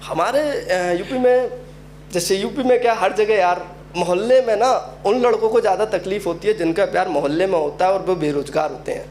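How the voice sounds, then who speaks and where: A man's voice: high voice, moderate pace, darkish tone, a little hiss or hum. A young man from Uttar Pradesh performing a stand-up comedy set at an open mic, telling a story and acting out the people in it. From Uttar Pradesh, India. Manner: storytelling, acts out quoted characters. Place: open mic event venue.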